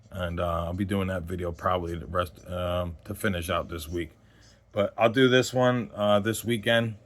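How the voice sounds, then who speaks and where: Reviewing gear without a script, a forty-something host talks in a low, somewhat bright voice. His delivery is loose and rambling, often drifting off before finishing an idea.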